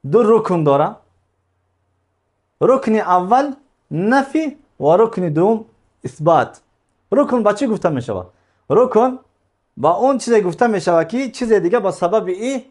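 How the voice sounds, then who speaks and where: Guy with a high voice giving a religious lesson, repeats stuff, asks then answers himself. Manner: explanatory, repeats key phrases, asks and answers own questions. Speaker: religious teacher.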